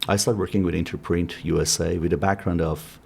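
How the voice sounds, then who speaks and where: A man's voice: sits low, steady tone, fairly quick, creaky, darkish tone, husky. A middle-aged man from Iran, a native Armenian speaker, talking earnestly and reflectively as an interview guest, with fillers and restarts. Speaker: guest, company CEO. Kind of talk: interview conversation.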